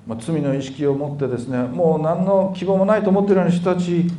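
Fast-talking sermon interpreter, mellow voice. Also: male voice, a little high, steady tone, echoey room. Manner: quick, fills with filler words, reads scripture.

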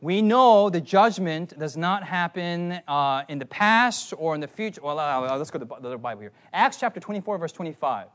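A young man preaching a sermon, animated and often asking his listeners questions. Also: a little high, moderate pace, hardly any pauses. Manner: animated, asks the audience questions.

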